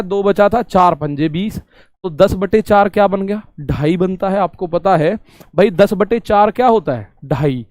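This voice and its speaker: High-voiced chatty math teacher. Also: male voice, no echo. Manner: chatty, repeats questions to students, everyday examples. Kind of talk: online exam-prep class.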